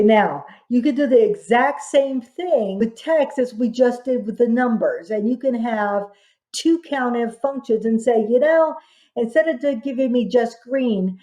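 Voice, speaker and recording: A woman instructor narrating a software tutorial step by step, dictating what gets typed piece by piece. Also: on the high side.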